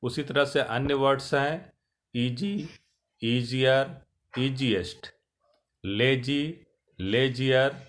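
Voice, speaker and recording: A male teacher giving a slow grammar lesson, spelling out words letter by letter. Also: mid-range voice.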